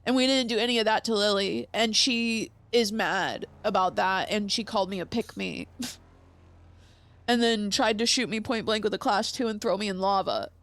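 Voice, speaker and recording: A woman's voice: mid-range voice, moderate pace, fairly bright tone. A young woman in an in-character roleplay chat, telling a long story in a rambling, profane way. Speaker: roleplay streamer.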